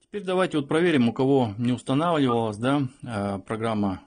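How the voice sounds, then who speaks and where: A phone reviewer with a medium-pitched, brisk voice gives an informal product review and tutorial, explaining things matter-of-factly.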